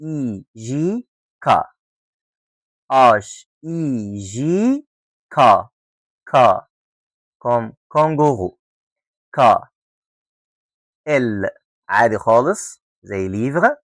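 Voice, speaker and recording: A young Egyptian man teaches French pronunciation, saying each letter slowly and repeating it over and over, with playful asides. His voice sits at an everyday pitch and is recorded dry and close, with no room sound. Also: sing-song, no echo. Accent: Egyptian Arabic. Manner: drills letters slowly with repetition, joking asides. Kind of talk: spoken pronunciation lesson.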